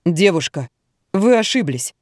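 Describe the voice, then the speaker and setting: A woman's voice: on the low side, expressive, normal speed, a little mellow, no echo, clean studio sound, natural voice. A woman voicing a puzzled middle-aged husband who keeps demanding explanations. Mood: bewildered. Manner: bewildered and demanding.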